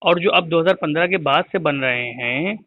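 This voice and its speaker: A teacher patiently explaining to a caller over a crackly cordless phone line, repeating his points until they are clear. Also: on the high side, normal speed. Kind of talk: phone call advice. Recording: tinny, noisy phone line.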